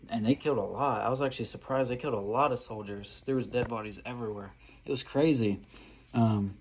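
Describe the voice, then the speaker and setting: A man talks to camera in a loose, rambling way, stumbling over restarts and fillers while sounding earnest and sure of himself. His voice is dark and mellow, at an ordinary middle pitch. A faint hiss sits behind him. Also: rough recording. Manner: hesitant, many fillers and restarts; earnest, insistent. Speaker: vlogger recounting dreams. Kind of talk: casual rambling monologue.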